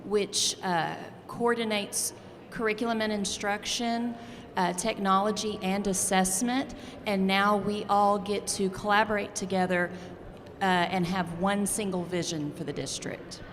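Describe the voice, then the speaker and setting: A woman's voice: medium pitch, fairly even intonation, unhurried. A woman from Texas, an instructional coach, speaking hesitantly with many fillers. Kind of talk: conference interview. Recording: reverberant hall.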